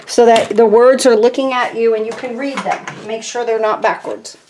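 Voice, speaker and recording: A woman hosting a casual craft tutorial from her home craft room, chatting to viewers and getting excited as she works. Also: a little high, normal speed, noisy background. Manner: chatty and easily excited, talks to viewers while working. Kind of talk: casual step-by-step craft demonstration.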